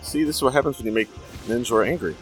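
A man's voice: medium pitch, fast talker, faint music behind. A man hosting casual commentary on an episode, with musing, dry asides. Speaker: podcast host.

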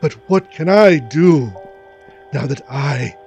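A man voicing a ruined, bitter aristocrat count who speaks in a slow, brooding, melodramatic way. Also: on the high side, expressive, a little mellow, faint music behind. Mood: despairing.

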